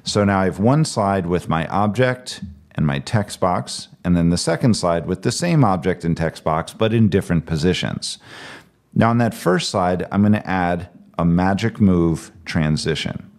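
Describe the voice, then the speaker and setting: Low gravelly man explaining software. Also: normal speed. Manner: calm step-by-step explaining. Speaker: tech tutorial presenter. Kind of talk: screen-recorded software tutorial.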